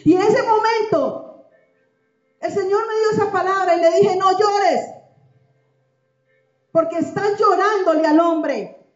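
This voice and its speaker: Woman pastor, very high voice, emphatic repetitive preaching, echoey lo-fi church sound. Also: measured pace, pauses often. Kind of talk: sermon.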